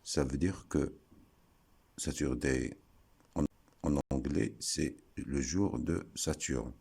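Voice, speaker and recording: Slow, very deep-voiced man teaching. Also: vocal fry, darkish tone, slightly rough. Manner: deliberate, breaks words into syllables, pauses often. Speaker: teacher explaining word origins. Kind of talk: slow explanatory lesson.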